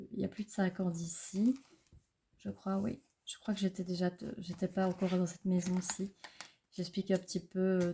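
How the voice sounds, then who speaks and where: A woman's voice: lowish voice, warm tone. A woman with a Belgian French accent chatting casually about her garden and bulbs, with many fillers and restarts, recorded outdoors. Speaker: gardening vlogger. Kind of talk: casual chat.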